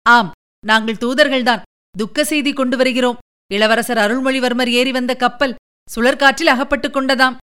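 A grave royal messenger in a storybook tale reports sad news in a steady, clear voice, as a woman reader voices him. The tone is smooth and pitched fairly high. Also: moderate pace.

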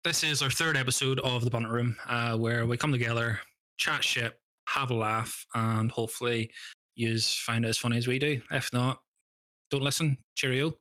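A man's voice: medium pitch, fairly even intonation, moderate pace, pushed and bright, no echo. A man hosting a casual banter podcast, chatty and laughing often, swearing freely. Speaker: podcast host.

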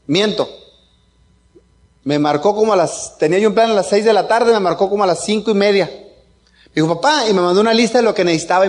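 A middle-aged man with a Mexican accent telling a casual family anecdote, joking and chuckling as he goes. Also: high voice. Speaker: father telling a story.

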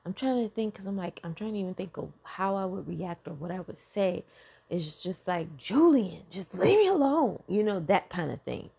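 A middle-aged woman opens up about family and parenting in a blunt, profane, conversational way. Her voice sits low, with a gravelly fry and a dark, mellow tone. She sounds candid and unpolished, like she is talking heart to heart. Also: normal speed. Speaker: mother. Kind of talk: candid personal talk on self-healing.

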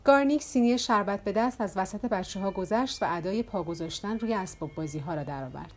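Woman narrator, first-person audiobook, calm and steady. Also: mid-range voice.

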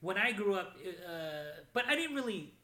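A man in his thirties hosting a casual chat, telling stories in a chatty, animated way. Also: high-pitched, moderate pace, reverberant. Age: 30s. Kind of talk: casual conversation.

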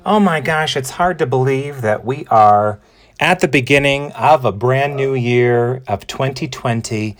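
A man's voice: mid-range voice, unhurried, soft background music. A man in his forties hosting a podcast, chatting in a bubbly, campy way with playful pet names from his makeup table. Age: 40s. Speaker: podcast host. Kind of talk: casual monologue.

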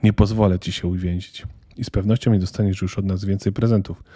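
A man's voice: low-pitched, steady tone, brisk, warm tone, slightly rough, no room sound, studio quality. A man voicing a small, fussy male Christmas elf who talks in a flustered, indignant, stern way.

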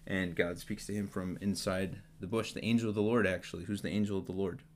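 A man co-hosting a podcast, casually teaching Bible stories with jokes and quick acted-out quotes. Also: low-pitched, a little hiss or hum. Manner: relaxed, joking, acts out quotes. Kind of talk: casual Bible study chat.

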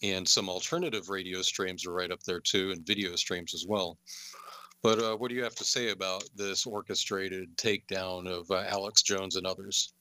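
A man's voice: low voice, steady tone, normal speed, sharp tone, dry recording. A man hosting a call-in radio talk show, rambling with lots of filler uhs and the odd sarcastic aside.

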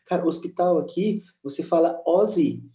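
A Brazilian man chatting casually and enthusiastically on a podcast, talking with animated energy. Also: on the high side, fast talker, echoey room, low-quality recording. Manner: enthusiastic, animated, says "cara" a lot. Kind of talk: casual chat.

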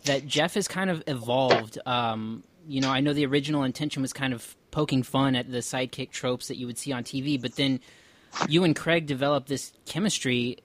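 A man's voice: mid-range voice, a little fast, fairly bright tone, slight background noise. A male podcast host asking a long, hesitant question full of fillers. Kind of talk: interview questions.

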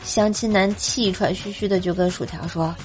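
A woman's voice: mid-range voice, steady tone, moderate pace. A woman hosting a comedic podcast, telling funny stories in a playful way and often laughing as she talks. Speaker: podcast host. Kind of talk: comedic joke storytelling. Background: background music.

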